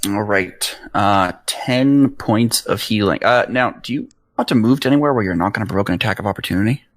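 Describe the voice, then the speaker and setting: A man acting as game master, calmly explaining rules and narrating a tabletop fight in an easygoing way. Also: fairly low pitch, brisk, dry recording. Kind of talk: running a tabletop game online.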